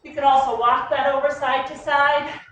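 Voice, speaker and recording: A woman fitness coach with a high voice leads exercises in short, directive cues. She is energetic and encouraging as she counts through moves. The recording is very reverberant and distant, with faint noise. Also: moderate pace. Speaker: fitness coach leading a warm-up. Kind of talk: group workout instruction, clipped cues and countdowns. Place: echoey indoor room, heard from a distance. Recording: very echoey room, distant mic, faint noise.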